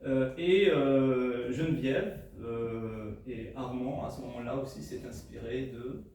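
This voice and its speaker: Speaking slowly in a slightly mellow, mid-range voice, a man whose first language is Arabic talks about his book to an audience unscripted. He hesitates often, with many fillers and restarts. The room echoes, the mic is distant, and there's faint noise.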